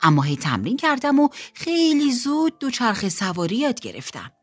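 A woman's voice: fairly high pitch, wildly swooping pitch, soft background music. A woman voicing a kind older sister in a storybook reading, speaking encouragingly.

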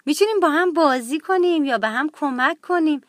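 A woman's voice: sits high, expressive, dry recording, studio quality, voice pushed up. A woman voicing a small, lonely young creature in a children's story, in a sweet childlike way.

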